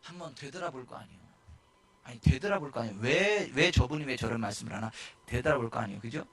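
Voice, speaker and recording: A male pastor giving a lively sermon in a church, rising to shouts and acting out the people in his stories. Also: mid-range voice, fast, slightly rough. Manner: animated, shouting at peaks, mimicking people.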